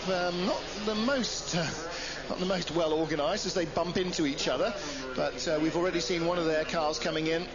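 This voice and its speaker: High-pitched male motorsport commentator, muffled sound. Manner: vividly narrates replays, acting out drivers' thoughts. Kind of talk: live motor race commentary. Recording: muffled broadcast with clear engine noise.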